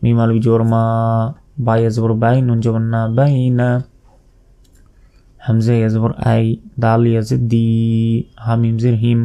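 A man with a Bangladeshi accent teaching recitation, spelling out each letter slowly and deliberately, then drawing out the recited phrases. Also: mid-range voice, completely flat delivery, mellow, clear, resonant tone.

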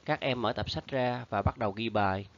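A man teaching an English review lesson to schoolchildren, reading the options out slowly and patiently, with a Vietnamese accent. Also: mid-range voice, highs cut off. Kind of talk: recorded lesson for pupils.

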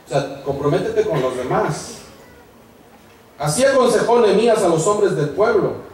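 A man's voice: high-pitched, animated, moderate pace, slight background noise. A man, a pastor giving an earnest sermon that rises to fervent exhortation. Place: church hall. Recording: echoey church hall from far off.

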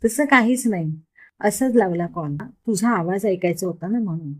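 A woman voicing a playful young woman who teases her friend in lively story dialogue. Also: mid-range voice, normal speed, lightly acted. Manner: lively, teasing banter.

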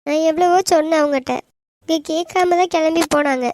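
Woman voicing a high-pitched devoted young wife. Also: fairly quick, darkish tone, slight background noise. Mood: hurt, pleading. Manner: earnest, pleading. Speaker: voice actor. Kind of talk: animated cartoon dialogue.

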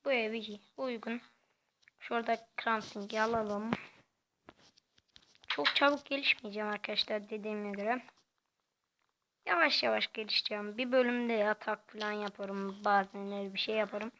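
A woman giving casual, quiet gameplay commentary in a soft, halting way. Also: mid-range voice, steady tone, a little hiss or hum. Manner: talks quietly and softly; halting, hesitant delivery. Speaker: gaming channel host.

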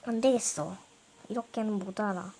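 A woman's voice: mid-range voice, normal speed, gravelly, dark tone, a little hiss or hum. A woman hosting her own gameplay video with casual commentary, talking in a playful, cutesy way and often muttering or exclaiming to herself. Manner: cutesy, playful greetings with little singsong interjections; mutters and exclaims to self while playing.

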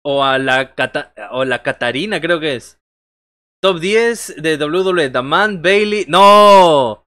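In a small indoor bedroom, a man in his thirties does laid-back wrestling commentary on a livestream, joking, chatting with viewers, reacting to chat and calling moves. His voice is fairly high, pushed and bright, at a measured pace. The recording is dry.

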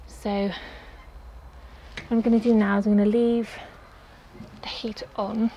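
A woman's voice: mid-range voice, level tone, slow pace, highs cut off, background noise. A young woman casually talking through a recipe step by step as she cooks in a small potting shed kitchen, picked up by a camera mic a short way off. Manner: chatty, explains each step while cooking. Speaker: cooking vlogger. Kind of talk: casual cooking demonstration.

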